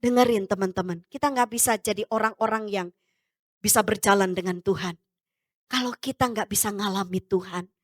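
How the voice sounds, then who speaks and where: A woman pastor preaching a sermon, emphatic, swinging between loud urging and soft low asides. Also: normal speed, no room sound, studio quality.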